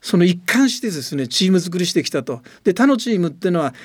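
A man's voice: high voice, very animated, fast talker, slightly rough, no echo. An older man with a slight Tochigi lilt, a radio guest explaining at length in an earnest, emphatic way. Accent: Tochigi-tinged Japanese. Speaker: guest, former soccer coach and commentator. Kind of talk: radio studio talk.

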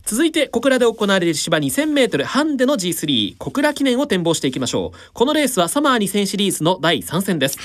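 A woman radio announcer presenting a racing show in a measured, polite announcer delivery. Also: medium pitch, sing-song.

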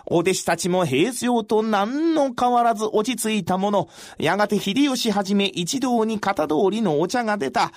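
A male storyteller giving a traditional storytelling performance in a measured, formal recitation with dramatic pauses. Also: sits high, animated, dry recording, clean studio sound.

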